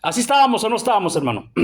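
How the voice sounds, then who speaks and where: A middle-aged man with a Mexican accent teaching a sermon, who asks the congregation questions and tags his lines with "brother", and who slows right down to read verses. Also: sits high, huge pitch swings. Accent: Mexican Spanish. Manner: call-and-response, tags lines with "hermano"; slow emphatic verse reading. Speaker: preacher.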